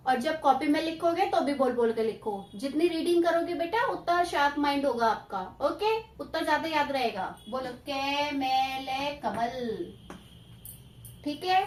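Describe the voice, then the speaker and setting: A woman's voice: high voice, measured pace, echoey room, far from the mic, a little hiss or hum. A woman tuition teacher dictating spelling to children, stern yet coaxing, stretching out syllables as she dictates.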